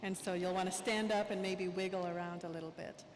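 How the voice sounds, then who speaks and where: A woman with a southern Lao accent, her first language Lao, gives a conference keynote in a fairly low voice. She talks in a warm, chatty, self-deprecating way into a handheld mic. Her voice carries a long echo through a big convention hall, over a faint murmur of room noise. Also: fairly even intonation, fairly quick. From Laos. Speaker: keynote speaker. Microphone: handheld microphone.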